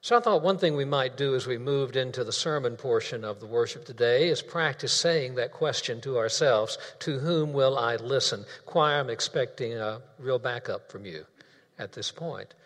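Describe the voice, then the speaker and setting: A man preaching a sermon in a church, speaking in a measured way and repeating key phrases for emphasis. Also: medium pitch, fairly bright tone. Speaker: pastor. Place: church sanctuary. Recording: long reverb of a church hall.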